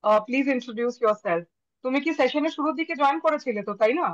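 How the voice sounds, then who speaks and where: A woman trainer leading an online class, brisk and apologetic, switching between languages. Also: sits high. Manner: brisk, apologetic, mixes Bengali and English. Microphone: video call. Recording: dull lo-fi call audio.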